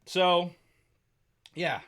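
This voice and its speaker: A man's voice: sits high, fairly even intonation, very slow, a bit bright. A man co-hosting a casual podcast, ranting angrily and swearing heavily. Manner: heated, profane ranting. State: angry. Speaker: podcast co-host.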